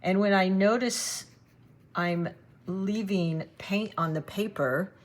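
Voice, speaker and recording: A woman giving a relaxed watercolor painting demonstration, thinking aloud as she works and chatting to her viewers. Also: medium pitch, slow pace. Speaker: watercolor art teacher.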